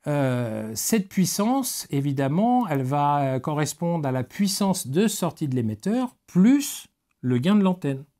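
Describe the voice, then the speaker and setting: A man's voice: a little high, very animated, unhurried, mellow. A man from France giving a technical webinar lecture, explaining with many hesitations and fillers and the odd joking aside. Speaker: technical specialist presenter.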